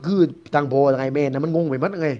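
A man's voice: a little high, steady tone, quick pace, mellow, clear, resonant tone. A man with a Southern Thai accent telling a ghost story in a chatty, rambling, conversational way. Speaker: guest storyteller. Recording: dull lo-fi recording.

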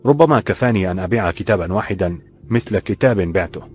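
A man voicing a calm, kind old bookseller who speaks formal classical Arabic, in a slightly raised voice. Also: low-pitched, quick pace, breathy edge, faint music behind.

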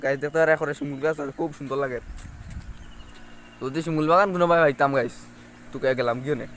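Holding his phone at arm's length on village roads, a young adult vlogger with a Sylheti accent chats casually to viewers and repeats phrases often; he's from the Sylheti-speaking Karimganj area of India. His pitch is fairly high, his pace quick and his tone a bit bright. Music runs beneath this outdoor phone recording, along with slight background noise.

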